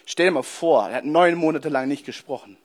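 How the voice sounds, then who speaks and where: A man's voice: on the high side, a little fast. A man giving a conversational sermon, telling stories animatedly and speaking straight to his listeners. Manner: animated storytelling, addresses listeners directly. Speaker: preacher.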